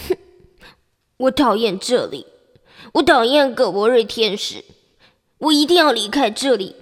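A woman's voice: a little high, lively intonation, drawn-out words, dark tone, long reverb tail, heavily acted. A woman playing a plain, lonely orphan girl who longs to be adopted, talking in a sulky, pleading way. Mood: resentful. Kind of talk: audio drama acting.

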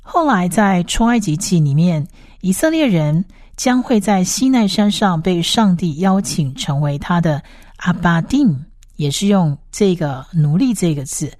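Steady woman teaching a Bible lesson. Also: on the low side, unhurried, no echo, clean studio sound. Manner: steady explanatory reading, reads scripture aloud. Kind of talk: scripted Bible study lecture.

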